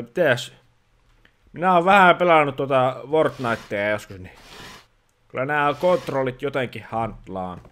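A man talks through a let's-play in a grumbling, exasperated voice, scolding the game as he goes. His pitch sits in an ordinary middle range, and he plays a fed-up dad. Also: fairly bright tone. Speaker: gaming channel host playing a dad persona. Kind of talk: casual let's-play commentary.

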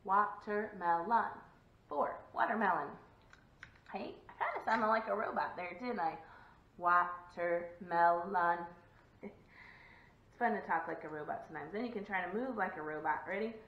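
A woman's voice: medium pitch, expressive, quick pace. A woman teacher giving a video lesson to young children, encouraging and sing-song, clapping out syllables. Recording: echoey room, dull lo-fi sound.

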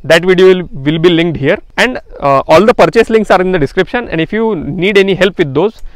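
A young man from India stands in an open farm field, earnestly demonstrating hand weeders to camera. His voice sits fairly high and the sound is dry and close, with no room around it. He recommends each tool plainly, dropping in "uh" fillers as he goes. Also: brisk, no echo. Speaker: farm tool seller and channel host. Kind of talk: product demonstration talk to camera.

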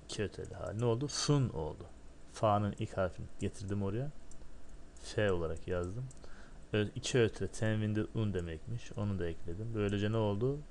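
A man with a fairly low voice teaches a patient, step-by-step lesson, putting questions to himself and answering them. He drills short syllables one after another, and a faint hiss sits under the recording. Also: fairly quick, darkish tone. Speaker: Arabic teacher.

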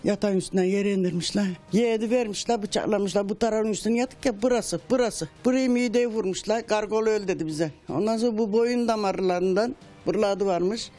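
A woman's voice: medium pitch, fairly quick, hardly any pauses, mellow, faint music behind. An older widow giving emotional testimony in her home, retelling events and acting out the quoted dialogue in a raised voice.

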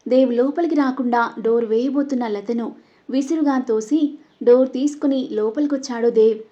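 High-voiced woman reading a drama story. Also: moderate pace. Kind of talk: scripted story narration. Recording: dull lo-fi recording.

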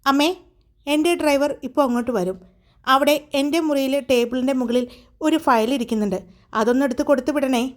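A woman voicing a calm, kind young man talking gently to his mother in a storybook tale. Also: high voice, a little fast, close to an everyday voice.

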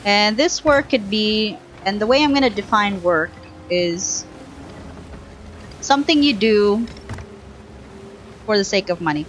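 A woman's voice: mid-range voice, expressive, unhurried, long pauses, slight background noise. A young woman giving casual live gameplay commentary on a headset mic, chatty and thinking aloud in short bursts. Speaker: game streamer. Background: faint game music.

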